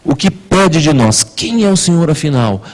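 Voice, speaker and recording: A man preaching a sermon as pastor in a church, asking rhetorical questions with wide swings in pitch and loudness. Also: very animated, moderate pace, poor audio.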